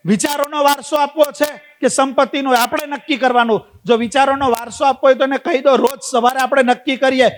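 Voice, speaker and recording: A man giving a motivational talk to a community gathering, telling stories, repeating key phrases and asking the audience rhetorical questions. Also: very high voice. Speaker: invited speaker.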